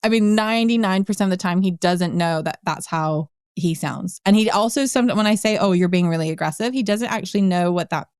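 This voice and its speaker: A woman's voice: mid-range voice, a little fast, few pauses, a little mellow, smooth, no room sound, clean studio sound. A middle-aged woman hosting a podcast interview, chatty and laughing often, with many restarts and fillers. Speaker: podcast host. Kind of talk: casual interview chat.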